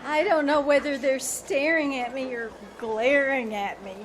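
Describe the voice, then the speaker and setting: A woman's voice: sits high, steady tone, unhurried. A woman playing a prim, flustered aunt in a live 1940s-style radio comedy, speaking hesitantly and with bewilderment. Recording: noisy live small-theater stage recording.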